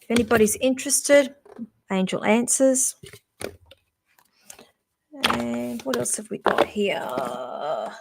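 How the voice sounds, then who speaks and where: A chatty middle-aged woman hosts a live-stream psychic reading from home, her voice sitting a little high. She thinks aloud, breaks off mid-phrase and restarts with fillers as she goes. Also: animated, takes it slowly, gravelly, pauses often, heavy background noise. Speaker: psychic reader.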